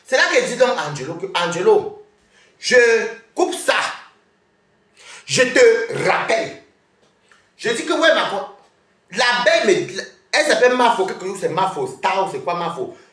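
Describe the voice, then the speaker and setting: Female streamer, confrontational and mocking, very lively delivery, roomy echo. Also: medium pitch, normal speed, pauses often. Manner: confrontational, scolding, laughs mockingly. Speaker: live streamer. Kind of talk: heated live-stream rant. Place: at home.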